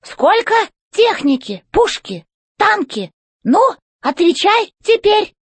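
A shrill, squeaky robot commander, as a woman reader puts him on, rusty and bossy, barking orders in a storybook reading. The voice leaps very high and swings wildly. The sound is dry and close. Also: big pitch swings, slow, no echo, heavily acted. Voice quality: creaky, squeaky voice. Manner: barks orders, shouts.

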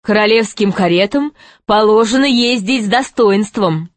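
A woman narrating a children's fairy tale in a lively, expressive way. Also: mid-range voice, moderate pace, no echo.

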